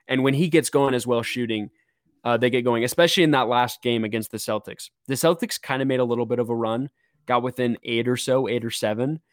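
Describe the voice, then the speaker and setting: An excitable man hosting a laid-back sports podcast, mid-pitched and quick to joke. His voice is recorded dry and close, with almost no room sound around it. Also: no echo. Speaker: podcast host. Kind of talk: casual sports chat.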